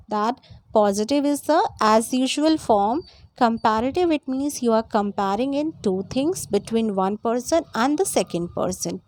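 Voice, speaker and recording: A woman's voice: fairly high pitch, darkish tone, no room sound. A woman explaining a grammar lesson, going step by step and repeating her points. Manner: lists examples slowly one by one. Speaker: English teacher.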